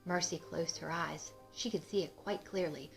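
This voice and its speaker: A woman with a lowish, vocal-fry voice narrates a children's book at a moderate pace, expressively putting questions straight to the young listeners. Music plays beneath her voice.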